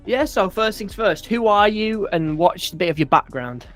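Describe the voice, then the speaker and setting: Young guy hosting his podcast, swears a lot, soft music behind. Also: high voice, animated, moderate pace. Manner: chatty, swears casually. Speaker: podcast host. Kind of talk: casual podcast conversation.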